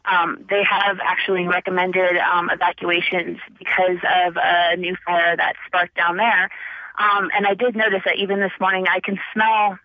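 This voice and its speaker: A woman calling in to a radio show over the phone, speaking casually and hesitantly with many pauses and ums. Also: lowish voice, little pitch movement, no echo. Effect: heard over the phone. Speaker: radio call-in caller. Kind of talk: casual call-in chat. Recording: muffled, dry phone line.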